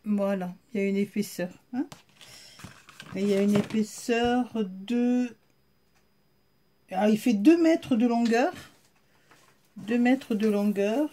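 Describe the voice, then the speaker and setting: A woman's voice: medium pitch, slow, pauses often, warm tone, slight background noise. A woman with a Southern French accent, chatting casually to her viewers as she shows off a haul, with frequent fillers. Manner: chatty, filler-heavy, addresses viewers directly. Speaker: haul vlogger. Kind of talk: casual show-and-tell chat.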